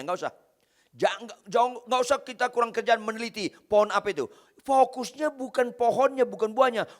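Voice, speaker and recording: A man preaching a sermon as pastor, driving home points by repeating key phrases and swinging between loud and soft. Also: high voice. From Indonesia.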